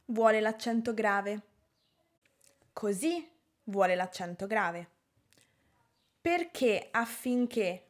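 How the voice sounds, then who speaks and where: Slow, careful Italian teacher woman. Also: mid-range voice. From Italy. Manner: careful, deliberate pronunciation of example words. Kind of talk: slow, clear language lesson.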